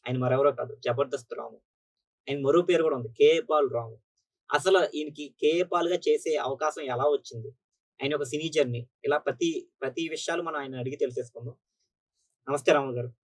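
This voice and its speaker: Male show host, upbeat formal intro in a studio, slightly high voice, dry recording. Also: brisk, no room sound. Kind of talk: on-camera introduction.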